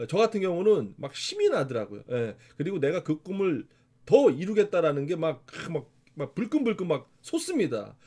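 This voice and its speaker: A man from South Korea giving a motivational lecture, telling stories emphatically and laughing often. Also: high voice. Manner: animated, emphatic storytelling with laughs. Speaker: motivational speaker.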